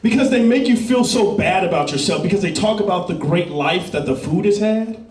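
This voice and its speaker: High-voiced, animated man doing self-mocking stand-up, caught off-mic in an echoey room. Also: fairly quick, far from the mic. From Los Angeles, US. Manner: playful, self-mocking storytelling. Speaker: stand-up comedian. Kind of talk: stand-up routine.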